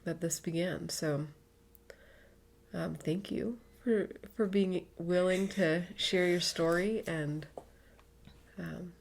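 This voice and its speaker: A young adult American woman with a slightly low voice, interviewing casually. Her delivery is slow and unhurried, with personal, chatty phrasing. Faint noise and clicks sit behind her. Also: steady tone. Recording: clear background noise with clicks.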